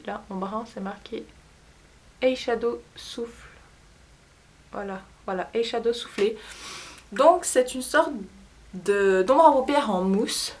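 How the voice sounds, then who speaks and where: A woman with a Swiss French accent, chatting casually through a makeup haul and often pausing to search for words. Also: on the high side. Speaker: beauty vlogger. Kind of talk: casual product haul chat.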